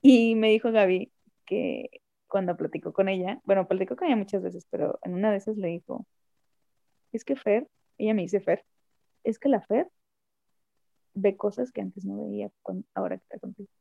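A woman's voice: medium pitch, moderate pace, creaky, pauses often, mellow, no room sound, highs cut off. A woman with a Mexican accent, a guest telling a personal story in a candid, reflective way and repeating phrases for emphasis. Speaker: interview guest.

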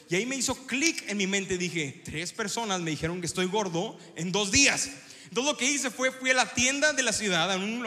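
Mexican male pastor, bright and high. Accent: Mexican Spanish. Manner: storytelling, lively and engaging the congregation. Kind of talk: sermon. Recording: preaching with long hall reverb.

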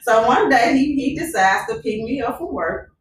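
A woman co-hosting a casual chat, telling a story in an animated, profane, laughing way. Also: fairly high pitch, normal speed, roomy sound, recorded from a distance, a little hiss or hum, poor audio. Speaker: podcast co-host.

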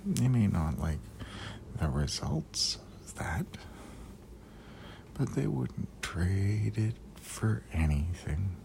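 ASMR host, male: low, creaky, breathy whisper right in the listener's ear, unhurried and soothing, slight background noise. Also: expressive. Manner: close, intimate, right-in-your-ear delivery; slow, deliberate, drawn-out phrasing with pauses. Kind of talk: ASMR, slow soft whispering monologue.

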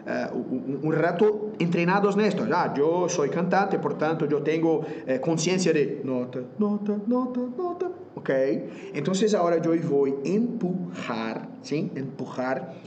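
A vocal coach with a Brazilian Portuguese accent speaks in unhurried, drawn-out phrases, his voice sitting fairly high for a man. He often searches for the right word in his second language, sometimes lands on a Portuguese one, and pauses to show exercises with his own voice. A faint hiss sits behind him. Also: expressive, darkish tone, muffled recording. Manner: slips in Portuguese words, searches for words; demonstrates vocal exercises mid-talk. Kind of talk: explanatory interview talk.

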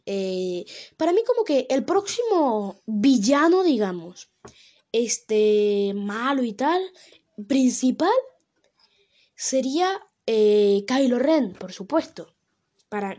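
A young Venezuelan woman vlogs casually to camera on her own, with a Venezuelan Spanish accent and a fairly high, slightly mellow voice. She rambles, filling her talk with fillers and self-corrections.

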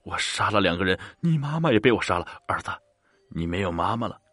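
A man's voice: sits low, big pitch swings, fast talker, fairly bright tone, dry recording, heavily acted. A man playing a grieving father who speaks in a choked, tearful, pleading way.

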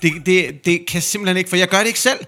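A man's voice: sits high, steady tone, sharp tone. A young man co-hosting a podcast, telling a rambling, self-mocking story with plenty of fillers. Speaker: podcast co-host. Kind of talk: casual chat.

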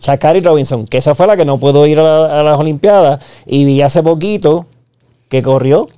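A man in his forties co-hosting a podcast, speaking candidly and swearing casually in relaxed chat. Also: on the high side, normal speed, smooth, no echo, studio quality. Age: 40s. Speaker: podcast co-host.

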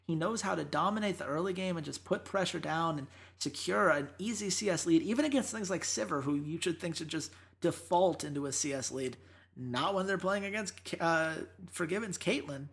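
A woman's voice: on the low side, fairly quick. A woman co-hosting an esports podcast, talking through matches in casual analysis with emphatic, exasperated rants.

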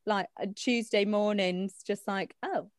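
A woman's voice: mid-range voice, steady tone, a little slow, no room sound, studio quality. A nineteen-year-old woman chatting casually, laughing often and filling her talk with "like". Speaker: co-host. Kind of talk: casual chat.

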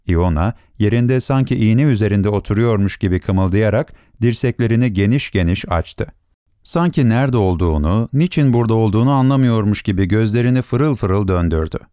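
Calm male audiobook narrator with a low, dry voice. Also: fairly quick, no echo. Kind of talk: scripted narration.

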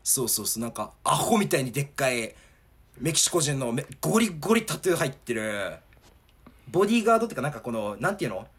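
Rambling, fast-talking husky man. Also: medium pitch. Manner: rambling, animated anecdote with many fillers. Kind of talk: casual chat, storytelling.

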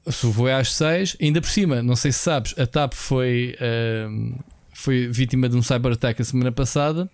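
A man's voice: mid-range voice, moderate pace, darkish tone, no echo. A man with a European Portuguese accent co-hosting a podcast in an informal, slangy, conversational way. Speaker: podcast co-host. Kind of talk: casual chat.

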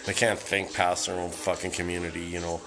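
A man's voice: sits low, level tone, a little fast, rough recording. A man from Canada ranting on a solo podcast, swearing constantly in a heated, rambling way. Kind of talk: casual profane rant. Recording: music playing in the background. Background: music from a record player.

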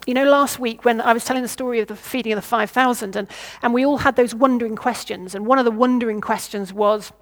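A woman with a fairly high voice preaches a sermon. She thinks aloud and asks her listeners what they would do. She sometimes stops and starts over her words. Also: steady tone, quick pace, hardly any pauses. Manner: reflective, asks the listeners questions.

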